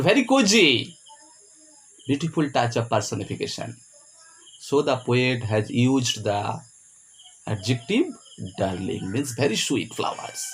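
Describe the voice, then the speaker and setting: A man teaching a poem. He speaks with heavy emphasis, spells words out letter by letter and checks in with "Clear?". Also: fairly high pitch, a bit bright. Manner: ends points with a rising "Clear?". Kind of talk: poetry lecture.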